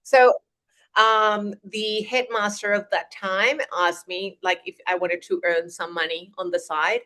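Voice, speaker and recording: In an unhurried, level, medium-pitched voice with a fairly bright tone, a young English teacher from Colombia talks about her career over a video call. The interview is casual, and she chats with frequent restarts and "eh" fillers.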